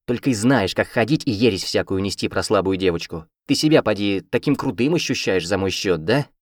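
A man voicing a feisty young woman student with a sharp, mocking tongue, in an audiobook. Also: on the low side, lively intonation, fairly quick, dry recording, clean studio sound, lightly acted. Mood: defiant, mocking. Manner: mocking, combative.

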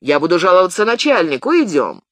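A man doing a loud, indignant peasant. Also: a little high, very animated, unhurried, no room sound. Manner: blustering and complaining, rattling off words. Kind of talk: audiobook reading.

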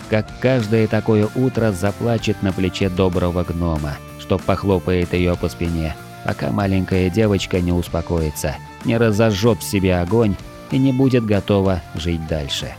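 A man reading a fantasy audiobook aloud in a measured storytelling manner, close to the mic. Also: fairly low pitch, warm tone, soft background music. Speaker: audiobook narrator. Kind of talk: scripted narration.

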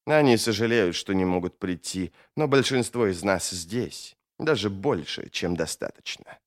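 A man reading an audiobook, voicing a cold, menacing flesh-eating sorcerer in a low, hushed tone. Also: animated, unhurried. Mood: cold menace.

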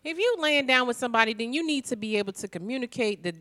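A woman's voice: fairly high pitch, expressive, fast, pushed and bright. A woman co-hosting a talk radio show, blunt and playful, chatting frankly and laughing often. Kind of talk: casual frank chat.

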